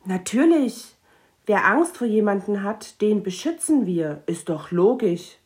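A woman's voice: a little high, big pitch swings, unhurried, pitched above the performer's own voice. A woman voicing a brave, bossy young girl who talks in a firm, determined way. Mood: confident. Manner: firm and determined, then soft.

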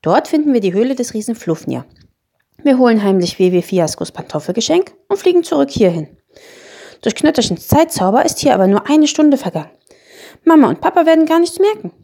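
A woman voicing a bold, scheming young girl in a storybook reading, eager and brisk. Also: high voice, very animated, dark tone, pitched above the performer's own voice, exaggerated voice.

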